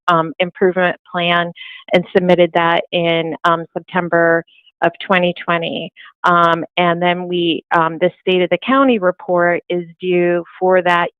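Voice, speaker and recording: A woman's voice: fairly low pitch, clear, resonant tone, no echo. A woman calling in over the phone to present a report at a meeting, speaking hesitantly with many ums and restarts. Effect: heard over a phone line. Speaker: county health department presenter. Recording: tinny phone line.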